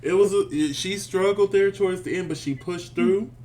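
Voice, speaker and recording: A man in his thirties co-hosting a casual review chat, sassy and animated, calling people "honey.". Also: high voice, normal speed. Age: 30s. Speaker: podcast co-host.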